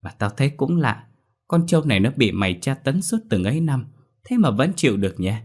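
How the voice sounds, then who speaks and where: A man's voice: medium pitch, sing-song, fairly quick, darkish tone, pitched above the performer's own voice. A man voicing a young male exorcist in his thirties, anxious and blunt, in a storybook reading. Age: 30s.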